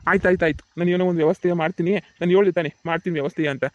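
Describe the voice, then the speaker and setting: A man's voice: sits high, fairly even intonation, very fast, no echo, highs cut off, natural voice. A man voicing a harried, grumbling village husband. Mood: placating. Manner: placating, grumbling. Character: harried middle-aged village husband caught between women. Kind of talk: cartoon comedy voice acting.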